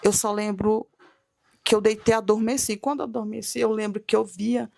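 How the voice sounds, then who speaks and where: A woman's voice: medium pitch, level tone, a little fast, creaky, darkish tone, no room sound. A woman tells a dramatic religious testimony, acting out her own cries for mercy as she goes. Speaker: guest telling a testimony.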